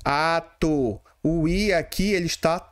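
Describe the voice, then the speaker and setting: Brazilian man teaching, fairly high voice. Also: takes it slowly. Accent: Brazilian Portuguese. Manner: talks to students directly, asks and answers his own questions, syllable by syllable. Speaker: Portuguese teacher for exam prep. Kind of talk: explaining exam questions.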